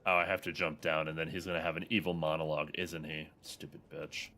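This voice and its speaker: A man's voice: extremely low pitch, flat delivery, fast talker, bright, forceful tone, a little hiss or hum. A man streaming a video game, informally thinking aloud and talking to his chat. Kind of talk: casual livestream gameplay commentary, talking to chat.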